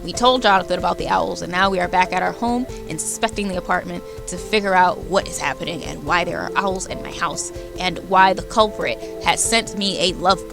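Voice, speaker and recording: Over background music, this streamer reads a visual novel aloud and banters playfully with her audience. She talks fairly quickly with few pauses, in a fairly low, creaky voice.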